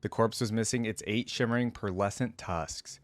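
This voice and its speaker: A man with a lowish, steady voice reads a story at normal speed, reacting to it casually with slangy asides as the host of a game lore reaction video. No echo is present.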